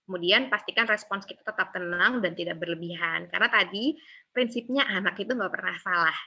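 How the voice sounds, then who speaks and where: A woman's voice: medium pitch, highs cut off. A woman giving a casual, conversational webinar talk on raising young children, often acting out what parents say. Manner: relaxed conversational, many filler tags, acts out parent quotes. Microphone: video call.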